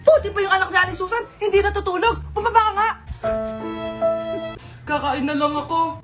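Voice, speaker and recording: A woman's voice: very high voice, a little fast. A woman performing comic skits, switching between a scolding mother and a whiny child. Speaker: comedy sketch creator. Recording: music playing behind the voice.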